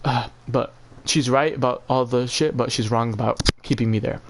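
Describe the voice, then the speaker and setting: A man venting casually on a livestream in an emotionally drained, halting, repetitive and profane way. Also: mid-range voice, fairly even intonation, background noise. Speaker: live streamer.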